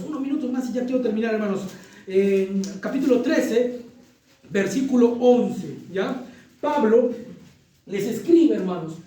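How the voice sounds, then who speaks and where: Man preaching, very high voice, dark mellow tone, echoey church hall, a bit far from the mic. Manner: animated preaching, acts out voices of a child and churchgoers. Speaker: pastor. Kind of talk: sermon.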